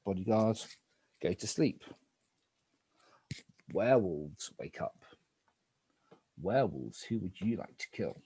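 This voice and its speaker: A man narrates a game in a spooky, hushed moderator's style. His voice is husky and slow, sinking toward a whisper as he makes each deliberate call, with a widely moving pitch. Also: animated, no room sound.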